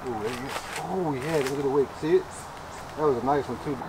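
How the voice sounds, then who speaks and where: A man's voice: medium pitch, fast talker, background noise. Easygoing middle-aged man teaching fishing tips. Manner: easygoing, folksy, explains step by step, calls people cuz and brother. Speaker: fishing guide and guest angler. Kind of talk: casual how-to talk while fishing. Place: outdoors on a wooded bayou bank. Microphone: camera mic from a few feet away.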